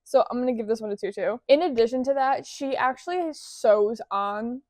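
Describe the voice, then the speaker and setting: A woman's voice: fairly high pitch, normal speed, a little mellow, dry recording. A young woman chatting casually in a vlog, bubbly and rambling, joking at her own expense. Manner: bubbly, rambling, self-deprecating humor. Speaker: crochet vlogger.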